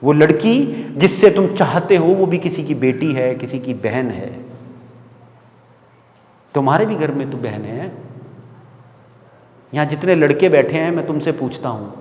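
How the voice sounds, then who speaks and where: Guy doing a strict indian teacher giving a stage monologue, kinda high voice, big echoey hall, soft music. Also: lively intonation, unhurried, pauses often. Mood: earnest. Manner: scolding, preachy, rising to loud outbursts. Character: stern, caring male schoolteacher scolding students. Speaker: stage actor playing a teacher. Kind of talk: theatre monologue.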